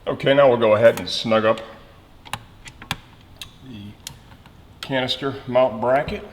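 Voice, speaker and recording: In a mid-range voice with fairly even intonation and a slightly slow pace, a man teaches a motorcycle installation hands-on, describing each step and checking in as he works. Slight background noise, loud tool clatter and reverb from the workshop surround him.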